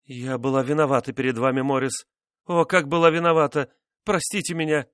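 A man's voice: normal speed, no echo, clean studio sound, lightly acted. A man voicing a frightened noblewoman who pleads with her cruel husband in an audiobook. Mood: pleading. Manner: high, pleading, tearful. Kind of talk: audiobook character reading.

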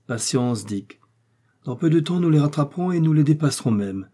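A resolute male explorer doctor, voiced by a man reading aloud gives calm, measured commands. His voice is warm and husky and sits a little above the narrator's pitch. This is a storybook reading. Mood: reassuring. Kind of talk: audiobook character reading.

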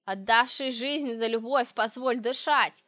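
Lady doing a crazed old crone witch, slow wailing loud rants, dry lo-fi sound. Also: on the high side, steady tone, dry recording. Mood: raving. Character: crooked ancient female witch, shrieking, raving. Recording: dry, dull lo-fi recording.

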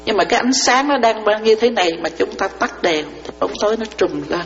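A woman's voice: mid-range voice, animated, fairly quick. A woman, a Buddhist nun, giving a dharma talk to lay followers. She explains through parables and often asks whether her listeners understand. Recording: reverberant hall, dull lo-fi sound, faint mains hum.

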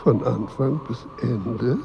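A man's voice: mid-range voice, slow pace, creaky, lo-fi sound, noisy background. An actor playing a proud, irritable, world-weary king and husband in a radio drama, speaking in a pompous, sardonic, formal way. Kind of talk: literary radio drama acting.

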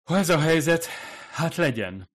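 A man's voice: on the high side, very animated, slightly rough, pitched above the performer's own voice. A man voicing an eager, pushy young woman customer who talks insistently. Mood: determined. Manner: insistent, demanding.

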